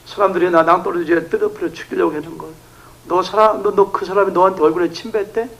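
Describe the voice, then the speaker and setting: A man's voice: sits high, steady tone, fast, vocal fry, fairly bright tone. A man voicing God as a fatherly figure who casually scolds a wronged believer and tells him to forgive. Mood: gently chiding.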